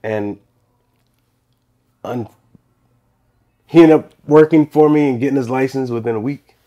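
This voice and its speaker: A man's voice: medium pitch, a little slow, dark tone, dull audio. A man in his thirties with a mid-range voice, talking about his business in an easygoing, rambling way. He restarts his sentences often and speaks up when he retells a scene. He is recorded in a small indoor podcast studio. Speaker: barbershop owner, guest. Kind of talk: casual interview storytelling.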